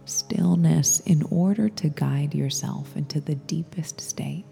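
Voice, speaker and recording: A woman guides meditation in a soft, breathy spa whisper that is very mellow and low. She speaks extremely slowly and soothingly, as a gentle instructor. Her voice trails into long reverb over faint music.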